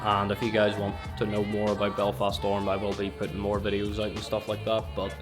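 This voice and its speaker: A gaming vlogger from Northern Ireland gives a chatty, rambling tour of an indoor office, filming on a handheld gimbal camera. His voice is on the low side, monotone and a little fast, with music in the background.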